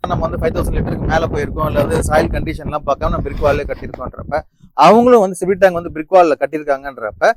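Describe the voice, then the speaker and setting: Man, Tamil Nadu accent, rapid explainer, fairly high voice, filler-heavy, outdoor construction site. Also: no echo, low-quality recording. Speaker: construction designer.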